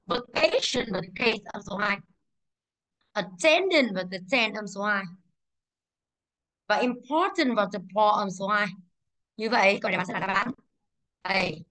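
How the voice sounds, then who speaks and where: A young woman teaching English, briskly walking through exam answers and asking the class questions she then answers herself. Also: medium pitch, lively intonation, sharp tone, low-quality recording.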